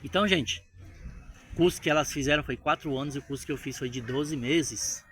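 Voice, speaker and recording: A Brazilian man telling a story to his viewers in a casual vlog, animated and chatty, often checking in with them. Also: a little high, a little fast, a little hiss or hum. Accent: Brazilian Portuguese. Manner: animated, addresses viewers directly with frequent tag questions. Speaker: English-learning vlogger.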